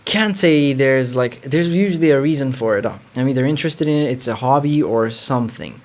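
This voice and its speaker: A man's voice: mid-range voice, a little fast, darkish tone. A young man from Ethiopia, hosting a casual livestream. He is chatty, reads viewer comments aloud and hums while he thinks. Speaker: livestream host.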